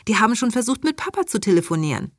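A woman's voice: on the high side, very animated, very fast, dry recording, clean studio sound, voice pushed up. A woman voicing a sensible teenage son, speaking in a slightly raised, exasperated tone.

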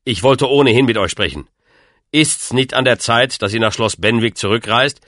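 Man voicing a calm, earnest young knight. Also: medium pitch, moderate pace, no echo, clean studio sound, natural voice. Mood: firm. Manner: firm, level and reasonable.

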